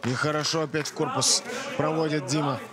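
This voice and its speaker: A man's voice: on the high side, flat delivery, a little fast, a crowd in the background. A man co-commentating on a fight live, explaining the action analytically.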